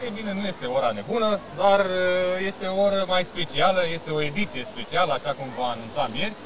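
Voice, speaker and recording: Higher-voiced male host with crowd behind. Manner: chatty, teasing, with filled pauses. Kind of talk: casual live social media hosting. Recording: live with crowd noise.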